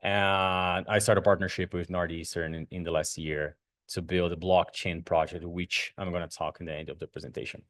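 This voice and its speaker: Man, Brazilian Portuguese accent, low voice, animated, non-native English, conference speaker. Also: normal speed. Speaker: guest speaker. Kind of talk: conference talk.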